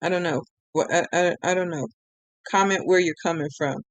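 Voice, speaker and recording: On a live stream, a woman rants emotionally, frustrated and near tears, rambling and restarting again and again. Her voice is fairly low and brisk, with no room sound.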